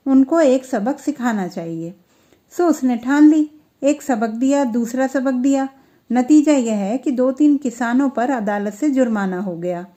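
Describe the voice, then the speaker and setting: A woman narrating a classic story in Hindi, reading it out in a steady, measured storytelling manner with soft drops at the end of her sentences. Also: on the high side.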